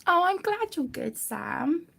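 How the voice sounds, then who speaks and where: A British woman hosting an adult colouring channel chats casually and rambles through a live colouring stream, often cutting off her own sentences. Her voice is high and sing-song, gravelly yet fairly bright, and she takes her time.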